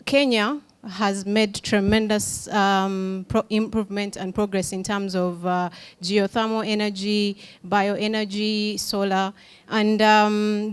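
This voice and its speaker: A woman asking a question from the floor, hesitant with many fillers, then rushing in bursts. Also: mid-range voice, smooth. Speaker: audience member asking a question.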